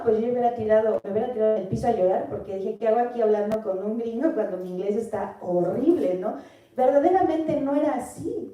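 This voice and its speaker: A woman's voice: fairly high pitch, mellow. A woman from Mexico with a Mexican Spanish accent, giving an earnest Bible teaching and asking the listener questions. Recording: echoey room, voice from far off.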